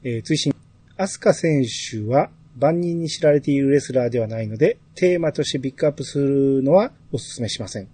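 A man's voice: mid-range voice, brisk, dark tone, husky. A man chatting casually as the host of a podcast. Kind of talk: casual chat.

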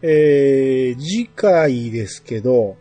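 A man's voice: mid-range voice, expressive, slow pace, warm tone, soft background music. A man chatting casually as the host of a podcast. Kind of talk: casual chat.

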